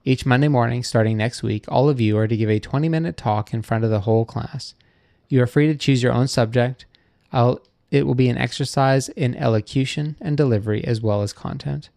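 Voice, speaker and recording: A man's voice: medium pitch, a little fast, gravelly, dark tone, dry recording, studio quality, natural voice. A man voicing a male schoolteacher giving his class an assignment, in a plain, instructive manner.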